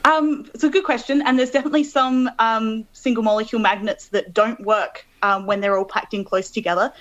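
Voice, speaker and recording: A woman's voice: fairly high pitch, fairly even intonation, fairly quick, fairly bright tone, muffled recording. Australian woman in her thirties, guest scientist on the line, methodical and filler-heavy. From Adelaide, Australia. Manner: explains step by step with frequent ums. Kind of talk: radio interview, explaining.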